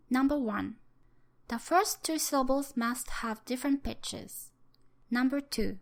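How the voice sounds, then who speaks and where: A woman gives a patient, step-by-step language lesson, pausing to sound out example words. Her voice sits a little high, with a gravelly edge of fry at the ends of phrases. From Japan. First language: Japanese. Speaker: language teacher.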